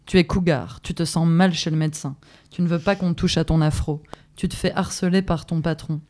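A woman with a fairly low voice reads a text aloud on community radio. She takes it slowly and evenly, one line after another, like an activist guest. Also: steady tone, dark tone. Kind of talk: casual radio chat and reading a text aloud.

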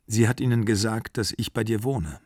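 Man doing a young woman, upset, agitated, pitched up in outbursts, dry sound. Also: normal speed, a little mellow, husky, dry recording. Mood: anxious.

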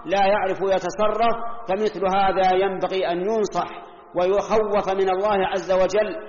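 A man's voice: sits high, level tone, moderate pace, a little mellow. An older man from Saudi Arabia giving a Friday sermon in a mosque, explaining rules point by point with worked examples. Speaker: preacher. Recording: echoey hall, lo-fi old recording.

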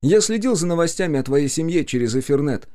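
A man voicing a hoarse, talkative young male journalist with a wry, friendly way of talking, pitched well above his own voice. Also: animated, fast talker, warm tone, natural voice. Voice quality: hoarse, strained higher voice.

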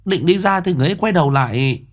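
A man voicing a frightened village woman who stammers and rushes her words. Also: fairly high pitch, animated, pitched above the performer's own voice. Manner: stammering, breathless.

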